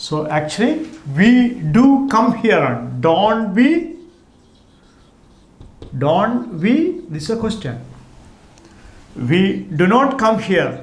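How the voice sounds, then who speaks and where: Slow, lively Kerala-accented man teaching. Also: high-pitched. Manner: slow, repeats each example, stresses the tags. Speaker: spoken English teacher. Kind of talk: classroom grammar lesson. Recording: echoey room.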